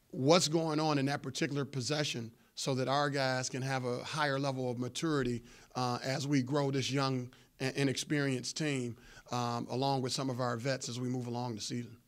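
Coach guy in his 40s at a press table mic, talks it through slow and steady, lots of ums. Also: medium pitch. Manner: measured, explanatory coach talk with frequent fillers. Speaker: head basketball coach. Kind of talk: postgame press conference answers. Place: press room before a sponsor backdrop. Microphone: table microphone in front of him.

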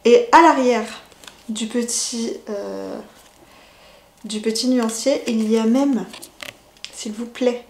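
A woman talks slowly and haltingly, often pausing on fillers and restarting her words. Her voice sits fairly high. The recording is roomy and echoey, with a faint hiss behind her. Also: darkish tone. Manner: hesitant, many fillers and restarts. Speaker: knitting vlogger. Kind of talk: casual unboxing chat.

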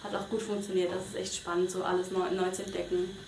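A woman's voice: lowish voice, flat delivery, fast talker, darkish tone. A young woman from Switzerland answers interview questions in a casual, hesitant way, with many fillers and restarts. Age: young adult. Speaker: volunteer interviewee. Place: small bedroom indoors. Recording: echoey room with faint noise.

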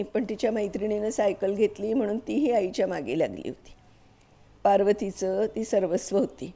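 A woman narrating a short story aloud in a calm, measured way. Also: medium pitch. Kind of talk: story reading.

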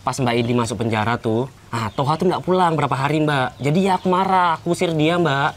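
A man's voice: on the high side, fast talker, a little hiss or hum. A man playing a neighborhood head in a comedy sketch, talking in a chatty, grumbling way. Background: background music.

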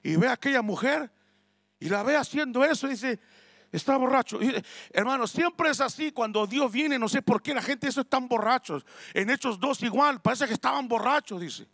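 Gravelly high-voiced preaching man. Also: lively intonation, normal speed, dry recording, studio quality. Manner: emphatic, swinging between loud cries and hushed asides. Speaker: pastor. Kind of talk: sermon. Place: church family retreat hall.

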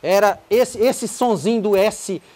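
A middle-aged Brazilian man gives a relaxed English pronunciation lesson. He explains step by step, says each example word slowly and repeats it several times. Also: high-pitched. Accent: Brazilian Portuguese. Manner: explains patiently, then sings short song lines with a guitar. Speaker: English teacher. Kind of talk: casual video lesson.

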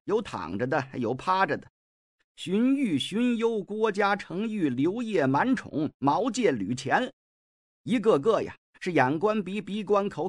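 A middle-aged man narrating a classic tale in a lively, colloquial storytelling style with joking asides. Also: on the high side, no room sound, clean studio sound.

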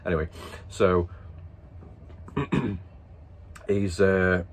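A man's voice: low-pitched, level tone, extremely slow, slight background noise. A man casually telling a family story to camera, rambling and stop-start, breaking into laughter. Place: at work after dinner.

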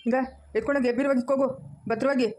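A woman's voice: sits high, steady tone, rapid-fire, darkish tone, lightly acted. A woman playing a greedy, harsh village uncle who nags and scolds. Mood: hostile. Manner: scolding, nagging with repeated "ha?". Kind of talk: family drama acting.

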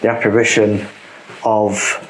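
A man's voice: on the low side, little pitch movement, a little slow, a little hiss or hum. A man in his thirties on a ghost-hunting vlog, talking as a paranormal investigator and calling out questions to spirits. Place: large empty indoor rooms at night. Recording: echoey rooms, music underneath. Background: music.

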